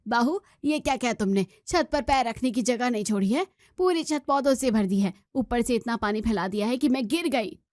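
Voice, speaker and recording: Nagging mother-in-law in a storybook, played by a woman: raised, shrill pitch, dry close sound. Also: lively intonation, moderate pace, few pauses, darkish tone, dry recording, natural voice. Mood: angry scolding. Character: scolding middle-aged mother-in-law.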